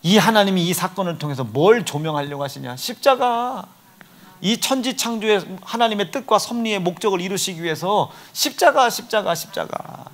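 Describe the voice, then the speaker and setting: A man's voice: high voice, animated, normal speed. A man preaching a sermon in a church sanctuary, acting out biblical figures with comic voices, dropping to whispers and rising to outbursts. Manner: acts out disciples in dialect, shifts between whispers and loud outbursts. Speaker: pastor.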